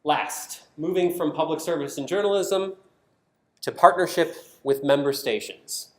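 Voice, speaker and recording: Here the man's voice is on the higher side and a little slow. He is giving a prepared talk at an indoor conference, leaning on emphatic stresses to explain his points, and he is a design team member at a public radio network. Echo from the room colors the audio.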